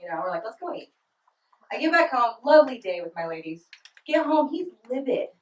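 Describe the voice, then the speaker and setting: A woman's voice: fairly high pitch, sing-song, fairly quick, muffled recording. A young woman performing a stand-up comedy set in a small club, giggling and breaking into laughter mid-line. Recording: roomy club sound from a distant mic.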